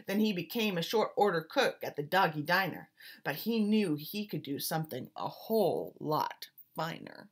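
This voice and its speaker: A woman teacher reads a picture book aloud with expressive, rhythmic storytelling, leaning into the rhymes and beats. Her voice is lowish and a little breathy, at a moderate pace.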